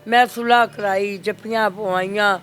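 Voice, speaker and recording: A woman's voice: mid-range voice, steady tone, moderate pace, a bit bright. An older woman with a Punjabi accent, grief-stricken, telling a reporter what happened in a pleading, repetitive way. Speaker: mother of the victim. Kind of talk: grieving testimony to a reporter.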